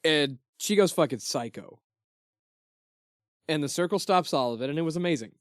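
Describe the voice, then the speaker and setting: A podcast co-host in casual book club chat, quick, laughing often and swearing casually. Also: medium pitch, expressive, no room sound, studio quality.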